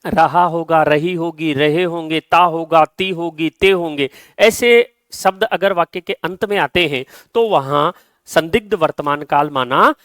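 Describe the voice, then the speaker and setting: A man teaching Hindi grammar, working through quiz answers and slowing down to stress each example sentence. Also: a little high, a bit bright, no room sound, studio quality.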